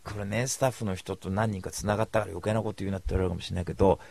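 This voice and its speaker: A man hosting a talk show, telling a rambling casual anecdote in close studio sound, swinging from mumbled asides to loud bursts. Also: sits low, fairly even intonation, very fast, creaky.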